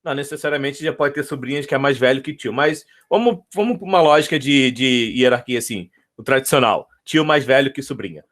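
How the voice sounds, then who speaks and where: A man's voice: mid-range voice, a little fast, hardly any pauses, fairly bright tone. Patient Brazilian male math teacher. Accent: Brazilian Portuguese. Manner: patient, repeats points and checks in often with "ok?" and "tá?". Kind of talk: explaining a math lesson to students.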